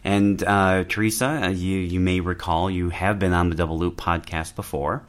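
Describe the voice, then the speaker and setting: A man with a very low voice hosts a casual podcast interview. He talks in a relaxed, chatty way, putting friendly questions to his guest. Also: normal speed. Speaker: podcast host.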